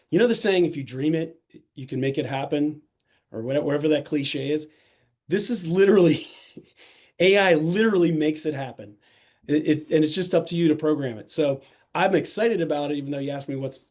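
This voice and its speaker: A middle-aged man talking as a podcast guest in a casual, energetic and enthusiastic way, often restarting his sentences. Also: a little high. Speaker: podcast guest, self-storage investor. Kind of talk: casual interview talk.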